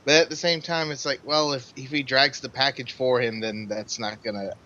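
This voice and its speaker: Man, tabletop player, giggly, bright voice. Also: medium pitch, fairly even intonation, normal speed, dull audio. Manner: giggly, laughs often. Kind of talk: tabletop role-play.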